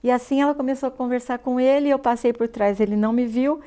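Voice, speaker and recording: A woman's voice: on the high side, quick pace, smooth. An older woman with a Brazilian Portuguese accent, a guest in an interview, telling a personal story and acting out the dialogue. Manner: lively storyteller, acts out dialogue.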